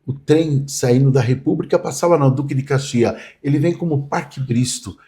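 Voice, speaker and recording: A man's voice: medium pitch, moderate pace, warm tone. A man, a pastor vividly telling stories in a podcast interview. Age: 60s. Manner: vivid storyteller, acts out quoted voices.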